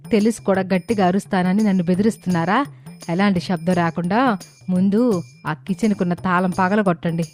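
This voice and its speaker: A greedy mother-in-law plots and wheedles in a lowish voice, as a woman plays her. It is storybook drama acting over soft background music. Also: fairly even intonation, fairly quick, close to an everyday voice. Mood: scheming. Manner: plotting, wheedling and defensive.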